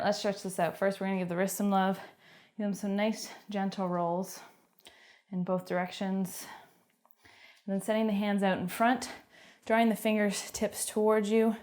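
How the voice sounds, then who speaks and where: Young canadian woman leading a home workout, cheery encouraging cues, calm stretch instructions. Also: mid-range voice. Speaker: fitness instructor.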